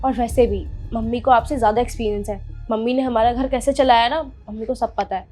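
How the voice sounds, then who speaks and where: A cocky younger sister, played by a woman, boastful and quick to side with her mother, in a high voice. Faint music plays behind her. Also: steady tone, dark tone, natural voice. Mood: siding. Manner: cocky, siding. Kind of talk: family drama acting.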